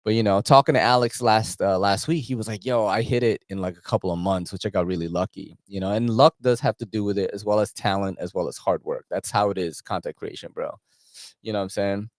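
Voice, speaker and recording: A man's voice: fairly low pitch, fast, no room sound, clean studio sound. A man, hosting a casual, rambling knife-channel chat full of slang. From New York City. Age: 40s. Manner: rambling, laughing, slangy with frequent filler.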